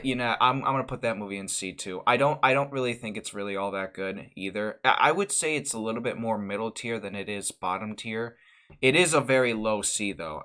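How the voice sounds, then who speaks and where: A man on his own channel ranks films in a casual vlog, sharing frank opinions. He talks in a rambling way, often restarting sentences and repeating words. His voice sits fairly low, with a bright, pressed edge. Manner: candid opinionated reviewer. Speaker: channel host. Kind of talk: casual movie ranking vlog.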